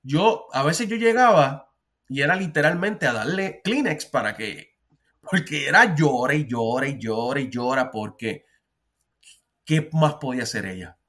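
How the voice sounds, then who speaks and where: A man's voice: mid-range voice, animated, unhurried, a bit bright. A Puerto Rican therapist, a man who talks earnestly in a casual podcast chat, often restarting and repeating words. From Puerto Rico.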